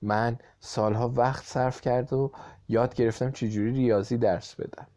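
A man's voice: medium pitch, fairly even intonation, warm tone, close to an everyday voice. A man voicing an indignant male math teacher who protests.

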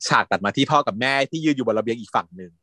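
A man casually recapping a TV drama as a podcast host, animated, laughing often and acting out lines. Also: lowish voice, very fast, dry recording, clean studio sound.

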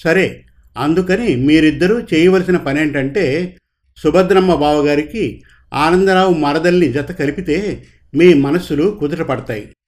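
A calm, wise judge settles a quarrelling couple's case in a storybook reading, voiced by a man. He speaks in an unhurried, measured way, with a slightly raised pitch. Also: natural voice. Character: calm, wise male judge, mildly exasperated.

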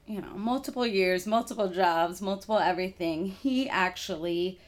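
A woman's voice: medium pitch, moderate pace. A young woman in her twenties from Texas, a guest in a casual interview, telling her family story in a rambling, chatty way.

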